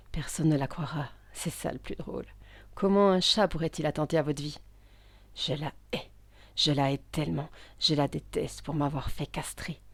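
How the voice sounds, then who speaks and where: Lady doing a spiteful tomcat in an audio story, low gloaty murmur, kinda whispery, dry sound. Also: breathy edge, no room sound. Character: spiteful vengeful male house cat.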